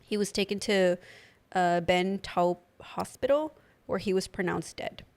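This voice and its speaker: A woman's voice: mid-range voice, measured pace, darkish tone. A young woman co-hosting a podcast in casual chat, talking with a slight lisp from new dental aligners and lots of filler words. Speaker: podcast co-host.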